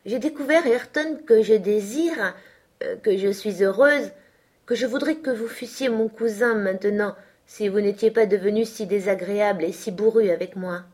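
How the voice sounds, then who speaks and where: A woman's voice: medium pitch, normal speed, darkish tone, close to an everyday voice. A woman reading a French audiobook and voicing a moody, petulant young woman who pleads and begs. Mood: pleading, insistent. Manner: pleading and imploring. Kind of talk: audiobook character voice.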